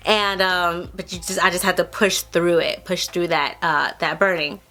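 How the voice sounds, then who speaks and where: A woman's voice: fairly low pitch, steady tone, normal speed, bright, forceful tone. A woman in her thirties earnestly telling her own birth story in a casual vlog, acting out the voices of people she quotes.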